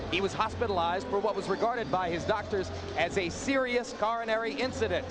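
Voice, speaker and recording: A male sports broadcaster with a high voice sets the scene at ringside. He speaks in articulate, measured sentences, with music in the background. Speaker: boxing play-by-play host. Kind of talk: live sports broadcast commentary. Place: ringside in a large arena.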